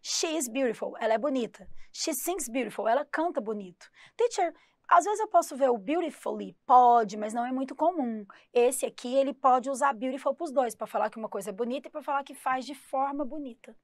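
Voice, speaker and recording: A woman teaching an English lesson for exam prep, chatty and explaining slowly, spelling out words letter by letter. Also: sits high, no room sound, studio quality.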